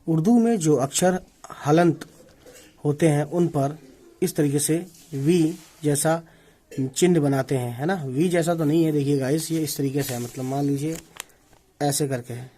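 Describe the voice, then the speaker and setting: A man with a slightly raised pitch leads an Urdu reading lesson. He patiently sounds out letters and repeats each word slowly for the learners. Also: warm tone. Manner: patient, repeats words slowly to drill pronunciation. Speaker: Urdu teacher.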